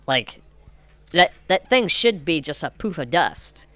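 A man's voice: fairly high pitch, very animated, measured pace, fairly bright tone, no echo, heavily acted. A man playing an aggrieved desert alien scavenger in improvised comedy chat, rambling and swearing freely. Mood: aggrieved, ranting. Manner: profane, rambling.

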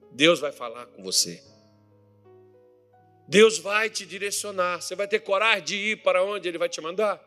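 A man preaching with a high, bright, forceful voice, swinging from quiet confiding words to loud fervent cries. He speaks as a pastor before his congregation in a church hall, with soft music playing behind. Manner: fervent, swinging between hushed talk and shouting. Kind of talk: sermon.

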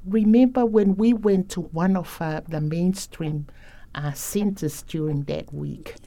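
A woman speaking as an education facilitator in a reflective interview, in a measured, deliberate manner. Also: fairly low pitch, mellow, no echo.

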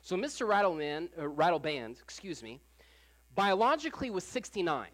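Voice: mid-range voice, very animated, normal speed, a bit bright. Casual, repetitive preacher at a Sunday service. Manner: casual, repeats phrases, frequent "like" fillers. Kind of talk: conversational sermon.

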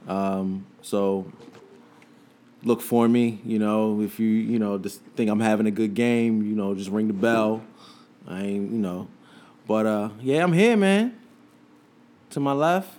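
A male podcast co-host with a lowish voice. He talks in a laid-back, rambling way and fills his speech with "you know" and easy laughter. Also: fairly even intonation, a little slow, dark tone. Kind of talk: casual podcast chat.

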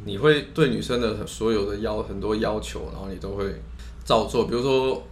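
Guy with a taiwanese accent, lowish voice, giving casual advice, bit of noise behind him. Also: a little fast. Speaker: co-host. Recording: noticeable background noise.

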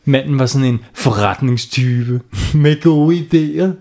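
A man's voice: mid-range voice, warm tone. A man hosting and narrating a playful bedtime story for children, chatting with young listeners. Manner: playful, talks with kids listening. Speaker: storyteller, host.

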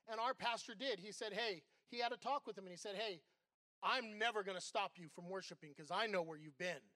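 Candid high-voiced man preaching. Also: pushed and bright, no echo. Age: middle-aged. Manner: conversational, candid preaching with personal stories. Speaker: associate pastor. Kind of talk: sermon.

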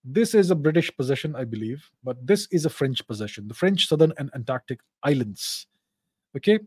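Man, Indian accent, very mellow tone, close dry sound, emphatic informal commentary, explanatory host. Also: medium pitch, lively intonation, brisk, husky, no room sound. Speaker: host of a live Q&A show. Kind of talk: informal geopolitical commentary answering viewer questions.

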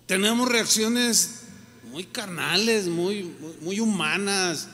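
A man preaches in a fairly high voice, his lively delivery slipping into little acted-out reactions. His sermon rings with a long tail of reverb from a large hall. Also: slow pace. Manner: animated, acts out quoted reactions. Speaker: pastor.

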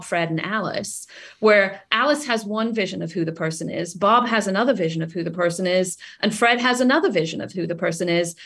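A woman talking about hiring as a guest on a video call, lively and acting out the reactions of the people she quotes. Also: medium pitch. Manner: animated, acts out quoted reactions. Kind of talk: casual conversation.

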